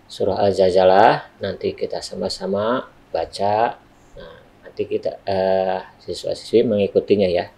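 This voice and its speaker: A man's voice: low voice, steady tone, unhurried, gravelly, dark tone, breathy edge. A man teaching a recitation lesson to students in a school studio, explaining patiently with frequent "ya" tags.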